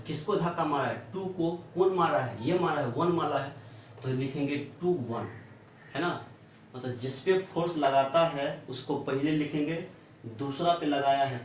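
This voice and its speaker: A man teaches physics at the board, firing quick questions at the class. He is picked up from across a bare, echoing classroom, and faint room noise runs underneath. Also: fairly high pitch. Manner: keeps asking the class questions, repeats "है ना?". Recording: far, echoey room with faint ambience.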